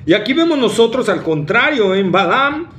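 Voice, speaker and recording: High-voiced preacher, emphatic. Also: male voice, big pitch swings, normal speed, fairly bright tone, a little hiss or hum. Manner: emphatic, asks rhetorical questions, addresses the congregation. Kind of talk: sermon.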